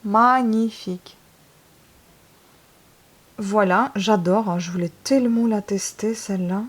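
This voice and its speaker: A woman's voice: mid-range voice, slow. Gushing woman unboxing makeup. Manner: gushing, enthusiastic, lots of hesitations. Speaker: beauty vlogger. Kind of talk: casual unboxing vlog.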